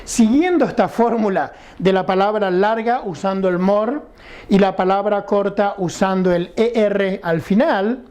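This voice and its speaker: Speaking a little slowly in a high, slightly mellow voice, a man teaches a recorded English lesson. He's a patient explainer who throws in rhetorical questions and regularly confirms that students are following.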